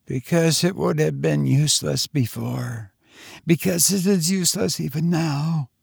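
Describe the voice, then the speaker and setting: Man reading a mourning woman, low deep voice, desperate pleading, slow words, gravelly edge, storybook. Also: darkish tone, no room sound, clean studio sound, full character voice. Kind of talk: audiobook character voice.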